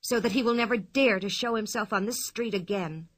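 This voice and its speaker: A woman's voice: medium pitch, a little fast, a bit bright, lightly acted. A woman voicing a cocky young bully in a storybook reading, swaggering and mocking. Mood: rough. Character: cocky bullying boy, gang leader.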